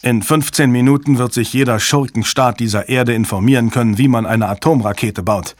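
A man voicing a forceful male agency director who speaks with emphatic authority. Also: medium pitch, a little fast, no room sound, natural voice. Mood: insistent. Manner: commanding, emphatic.

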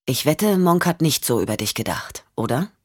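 A woman voicing a calm male investigator who questions gently and patiently, for an audiobook. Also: very deep voice, normal speed, breathy edge, dry recording, studio quality, full character voice.

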